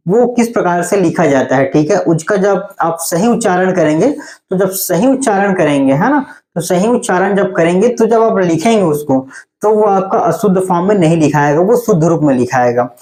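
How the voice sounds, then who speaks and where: A male teacher giving an online Hindi spelling class. He explains slowly and patiently, often stopping to ask whether it is clear. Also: high voice, a little mellow. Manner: explains patiently, often says "theek hai" to check in.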